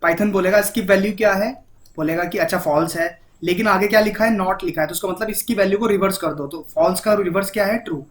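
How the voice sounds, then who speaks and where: A man's voice: high-pitched, quick pace. A man with an Indian accent teaching a programming lesson in a casual, chatty way, often checking in with his listener and mixing English terms into his talk. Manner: repeats "ठीक है?" and mixes English terms into Hindi. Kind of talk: casual Hindi coding lesson.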